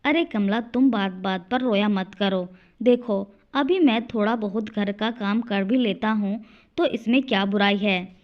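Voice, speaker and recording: A gentle, meek old man over sixty, as a woman narrator voices him, speaking softly and consolingly at a middling pitch. The storybook audio is muffled and lo-fi. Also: a little slow, close to an everyday voice. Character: gentle meek elderly father-in-law.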